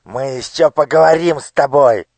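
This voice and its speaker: A man voicing a cruel male minister with a squeaky, shrill voice in an audiobook. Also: unhurried, no echo, close to an everyday voice. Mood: furious. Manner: menacing, shouting threats. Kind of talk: audiobook character voice.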